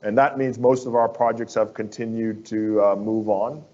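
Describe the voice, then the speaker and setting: A man's voice: on the low side, flat delivery, moderate pace, a little mellow. Earnest man from the Bahamas, lo-fi sound. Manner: earnest, persuasive, repeats phrases for emphasis. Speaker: construction firm executive. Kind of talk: interview guest.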